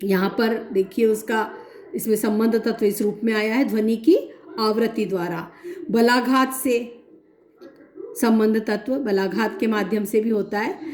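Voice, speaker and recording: A woman lecturing on linguistics in a methodical way, explaining with many examples and pausing often. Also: a little high, a little mellow, echoey room. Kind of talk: recorded academic lecture.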